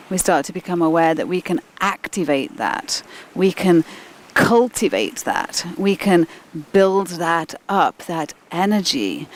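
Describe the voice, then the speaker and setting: A woman's voice: lowish voice, a little hiss or hum. A woman leading a guided kundalini yoga class as the instructor, encouraging and informal, with chatty asides between directions.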